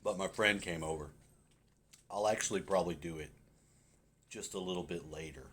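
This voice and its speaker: A man with a low voice talking casually to his viewers in a loose, meandering way, often stopping and starting over. A faint hiss of noise runs underneath him. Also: moderate pace, fairly bright tone. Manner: rambling, hesitant, with restarts. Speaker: vlogger. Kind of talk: casual rambling monologue.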